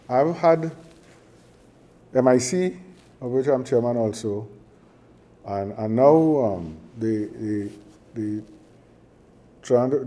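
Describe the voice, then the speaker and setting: Warm and medium-pitched, the voice belongs to an older Trinidadian-accented man, a university chairman speaking at a signing ceremony. His remarks are chatty and humorous, wandering off into stories, with frequent fillers and restarts.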